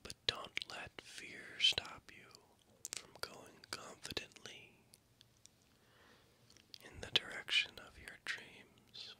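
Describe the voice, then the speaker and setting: A man in his thirties whispers a gentle ASMR ramble very close to a binaural mic, haltingly, moving from ear to ear. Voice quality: soft unvoiced whisper. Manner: gentle, encouraging. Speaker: ASMR channel host. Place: small room indoors at night. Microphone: binaural microphone, very close.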